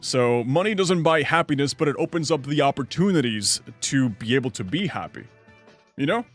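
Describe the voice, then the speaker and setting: A faint music bed sits under a young adult man's home stream as he rambles casually, reading chat questions out loud and replying. He speaks at a moderate pace in an animated, medium-pitched voice.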